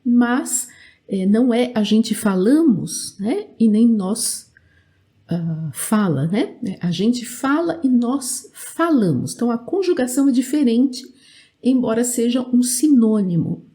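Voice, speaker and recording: A woman with a Brazilian Portuguese accent teaching a language lesson, speaking clearly and drilling verb forms for learners to repeat. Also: a little high, lively intonation, slow, mellow.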